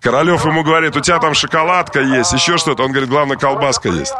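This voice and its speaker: A man's voice: fairly high pitch, racing, very noisy. A man giving unscripted conversational commentary, emphatic and often repeating his words and phrases.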